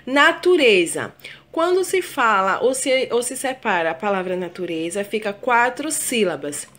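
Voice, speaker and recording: A woman's voice: medium pitch, big pitch swings, fairly bright tone. A woman teacher giving a recorded lesson to young pupils, addressing them affectionately and drawing out each word syllable by syllable. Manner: slow, drawn-out spelling of words syllable by syllable.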